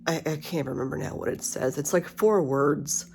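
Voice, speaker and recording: This middle-aged vlogger's deep voice carries vocal fry at a normal speed, with a slight lisp from the retainer she wears. She rambles candidly in a casual personal vlog over a steady cool mist humidifier hiss and faint, soft spa music.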